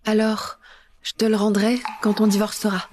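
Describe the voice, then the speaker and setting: A woman's voice: mid-range voice, monotone, normal speed, darkish tone, slight background noise, close to an everyday voice. A woman playing a modest, independent young pregnant wife in a dubbed drama, speaking politely and demurring. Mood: reserved, firm. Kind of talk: dubbed short-drama acting.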